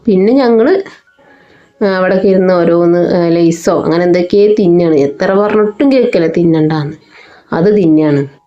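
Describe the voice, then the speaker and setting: A woman's voice: on the low side, normal speed, warm tone. A woman, a mother narrating her family vlog in a chatty, homely way. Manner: chatty, homely storytelling with frequent fillers. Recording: slightly dull lo-fi sound, faint music behind.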